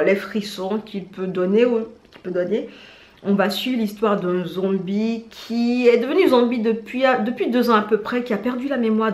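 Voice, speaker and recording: A woman vlogger chatting casually in an animated, slangy, self-mocking way as she gives recommendations. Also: medium pitch. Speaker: vlogger presenting drama recommendations. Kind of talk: casual chat to camera. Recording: roomy indoor echo.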